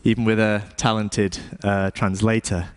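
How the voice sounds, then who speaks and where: Man, from the UK, artist, staged talk, wry, slow pace. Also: fairly low pitch, level tone, clear, resonant tone.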